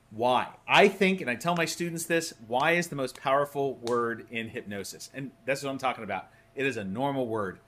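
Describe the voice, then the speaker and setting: A man's voice: mid-range voice, a bit bright, slight background noise. Emphatic male hypnosis teacher. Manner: conversational, emphatic, repeats words. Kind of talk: course lecture.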